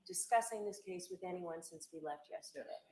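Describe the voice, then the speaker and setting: A woman's voice: on the low side, a little fast, a little mellow. A woman with an American accent speaking as a judge, addressing jurors and counsel in a courtroom. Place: large indoor courtroom. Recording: echoey courtroom, background noise.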